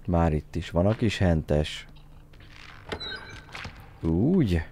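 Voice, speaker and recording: Excitable man with a deep gravelly voice. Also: noisy background. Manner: joking, excitable, shouts at his game character in a high voice. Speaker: game streamer. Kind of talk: let's-play commentary.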